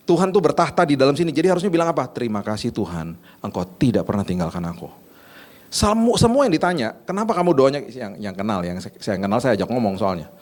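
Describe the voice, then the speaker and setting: A male pastor delivering a sermon in a casual, conversational way, acting out little anecdotes. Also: medium pitch.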